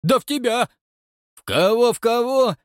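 A man voicing a scrawny, terrified old male night watchman with a thin, husky voice and a panicky shriek. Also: extremely high pitch, lively intonation, normal speed, no room sound, studio quality, pitched above the performer's own voice. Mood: frightened. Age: older.

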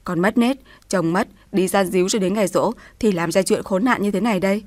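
A woman's voice: medium pitch, brisk, darkish tone, no room sound, lightly acted. A woman voicing a cruel older mother-in-law, scolding in a harsh, cutting way. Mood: furious scolding.

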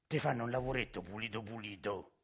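In a radio play, an actor voices a shady, crude landlord with a Roman accent, sounding coarse, sly, menacing, and swaggering. His lowish voice is fast, fairly bright, and breathy, with the voice pushed down.

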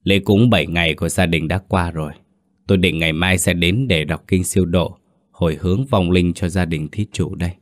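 An elderly village monk speaks gently and evenly about rites for the dead, as a man reads him in a story. His voice sits very low. He stays measured and unhurried. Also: natural voice. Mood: calm. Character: calm old village monk past eighty.

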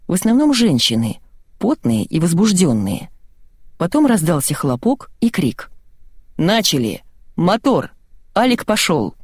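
A woman narrates a comic novel in the first person, with lively, ironic storytelling. Her voice sits fairly low but moves animatedly. The recording is dry and close. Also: breathy edge, no echo. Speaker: audiobook narrator.

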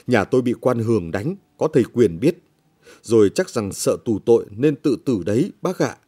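A man's voice: mid-range voice, big pitch swings, moderate pace, dark tone, husky. A man doing a frightened pleading widow. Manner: pleading, anxious.

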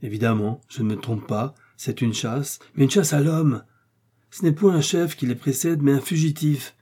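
An excitable male hunter, voiced by a man reading aloud calls out what he sees in a raised, urgent voice. The tone stays warm and dark with a husky edge. This is a storybook reading. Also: medium pitch, moderate pace, pitched above the performer's own voice, close to an everyday voice. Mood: alarmed. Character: adult male hunter, excitable and keen-eyed. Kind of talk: audiobook character reading.

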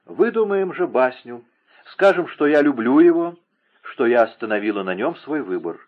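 Мужчина играет холодного насмешливого короля. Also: male voice, medium pitch, animated, moderate pace, voice pushed up, close to an everyday voice. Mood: cold, mocking. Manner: cold, sarcastic. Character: cold, mocking young king. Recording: narrow phone-like lo-fi sound.

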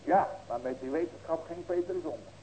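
A man's voice: fairly high pitch, a little fast, warm tone, a little hiss or hum, poor audio. A man in his sixties preaching as a pastor, earnest and folksy, with rhetorical questions and emphatic ringing cries. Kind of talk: sermon.

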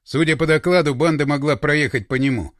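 A man's voice: a little high, fairly quick, a bit bright, no room sound, studio quality, natural voice. A man doing a curt army commander. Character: terse male military squad commander.

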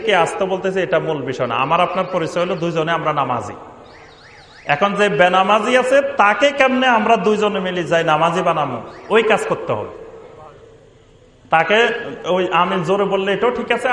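A male preacher with a notably high voice answers a congregation's question in sermon form. He hammers his point with one rhetorical question after another. His voice rings out across a large, echoing hall with a long reverb tail. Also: fairly bright tone, slight background noise. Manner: argues through repeated rhetorical questions. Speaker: imam and Islamic preacher.

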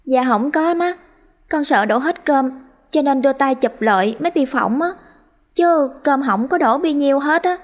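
A woman's voice: sits high, animated, normal speed, voice pushed up. A woman with a Southern Vietnamese accent voicing a frightened young girl who pleads through tears with her mother. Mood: tearful pleading. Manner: tearful and pleading.

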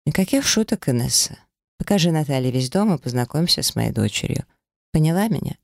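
A reader voicing a stern, domineering rich husband who gives curt orders in an audiobook. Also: male voice, on the high side, very animated, fairly quick, vocal fry, no echo, clean studio sound. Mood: commanding. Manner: curt, commanding. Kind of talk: audiobook character voice.

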